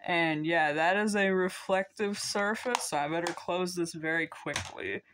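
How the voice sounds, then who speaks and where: Teen boy, unhurried unboxing chatter, hesitant and rambling. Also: high-pitched, noisy background. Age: teens. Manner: rambling, hesitant, many ums. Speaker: vlogger. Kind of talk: casual unboxing chat.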